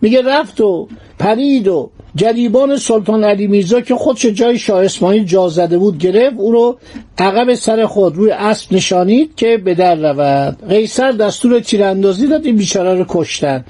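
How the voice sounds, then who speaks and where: High-voiced, mellow male history storyteller. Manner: lively narration mixing formal and colloquial speech.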